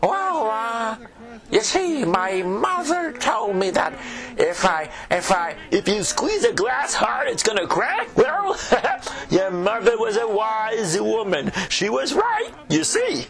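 Clumsy secretive drinker guy put on by a storyteller, slow and singsong. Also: medium pitch, sing-song, vocal fry, a crowd in the background, heavily acted. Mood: sheepish. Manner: hesitant, many fillers. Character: bumbling secretive male tavern drinker.

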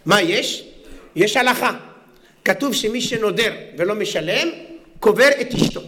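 A man voicing a wise older rabbi who speaks in a soft, measured, fatherly way. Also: high voice, lively intonation. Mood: calm.

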